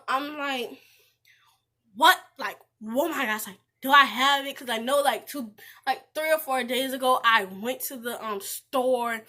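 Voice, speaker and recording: High, bright-voiced woman vlogger, animated. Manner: animated, talks straight to viewers. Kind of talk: casual storytelling to camera.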